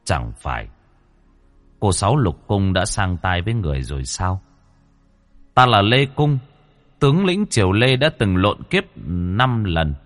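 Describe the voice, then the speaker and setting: A man's voice: low-pitched, sing-song, a little slow, long pauses, no echo, soft background music. A man voicing a young man who speaks as a cold, commanding general from past lives.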